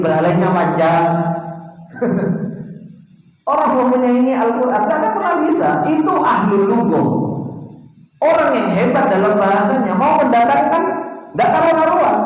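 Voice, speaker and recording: Animated Indonesian preacher in echoey hall. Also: male voice. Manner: animated, rhetorical questions, recites Arabic; lively swings in pitch. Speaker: religious teacher. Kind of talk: Islamic study lecture.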